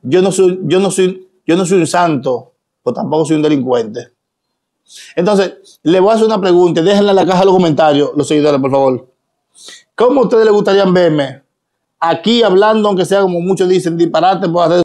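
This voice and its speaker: A man's voice: high-pitched, a little fast, a little mellow. A man with a Dominican accent speaking straight to his followers, emphatic and preachy, full of rhetorical questions. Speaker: social media personality. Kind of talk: direct-to-camera monologue.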